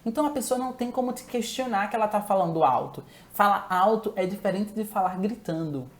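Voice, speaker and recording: A woman's voice: mid-range voice, a little fast. A woman giving a chatty live-streamed talk on relationships, asking viewers to answer and often correcting herself mid-sentence.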